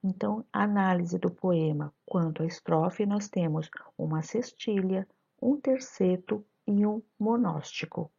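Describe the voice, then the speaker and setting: A woman with a Brazilian Portuguese accent teaching a poetry lesson, explaining slowly and reading verses aloud with a steady rhythm. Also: fairly low pitch, vocal fry, husky. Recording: dull lo-fi recording.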